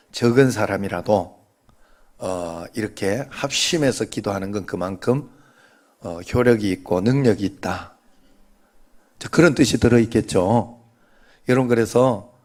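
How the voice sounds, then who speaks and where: Male pastor, Gyeongsang accent, lower register, playful and chatty while preaching in church. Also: darkish tone. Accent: Gyeongsang Korean. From Gyeongsang region, Korea. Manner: joking, chatty, leads the congregation in greetings. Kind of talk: sermon with playful banter.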